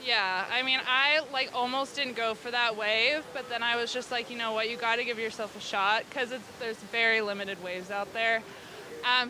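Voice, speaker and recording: A young woman surfer giving a casual, chatty interview outdoors after a heat. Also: a little high. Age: young adult. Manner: chatty, frequent "like". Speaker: competitive surfer being interviewed. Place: outdoors at a beach contest. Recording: crowd and outdoor noise behind.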